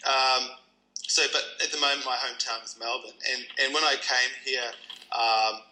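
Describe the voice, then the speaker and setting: A man's voice: medium pitch, fairly even intonation, normal speed, bright, forceful tone, poor audio. A man from New Zealand with a New Zealand accent, answering interview questions thoughtfully, with many ums and restarts. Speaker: kirtan teacher.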